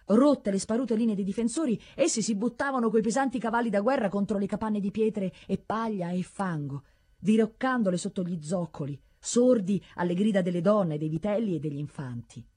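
A woman narrating an audiobook story in a measured, dramatic way. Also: medium pitch, warm tone, slightly rough.

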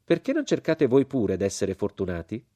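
A man's voice: on the low side, huge pitch swings, moderate pace, warm tone, no room sound, voice pushed up. A man reading as a haughty, moralizing older American society woman, cold and indignant.

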